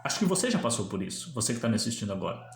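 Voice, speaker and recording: A man's voice: medium pitch, sing-song, rapid-fire, roomy sound, slight background noise. A man teaching a Bible lesson, explaining the text and asking the viewer questions. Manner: explanatory, asks the viewer questions, acts out quoted dialogue. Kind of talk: theology lesson to camera.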